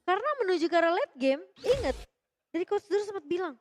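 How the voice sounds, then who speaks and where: A woman's voice: very high-pitched, lively intonation, fast talker, slight background noise. A woman with an Indonesian accent giving live analysis as co-caster of an esports match. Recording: loud music behind the voice. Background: music.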